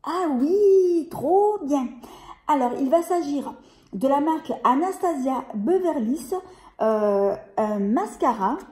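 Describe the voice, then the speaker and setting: A woman's voice: high voice, expressive, takes it slowly, warm tone. A woman vlogging a beauty unboxing in a casual, hesitant way, full of fillers and restarts. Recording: echoey room.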